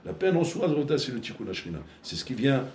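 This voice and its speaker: A man's voice: mid-range voice, sing-song, fast talker, darkish tone, a little hiss or hum. Man preaching in a roomy hall. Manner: storytelling, repeats words while searching, keeps addressing listeners. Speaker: rabbi. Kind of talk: sermon.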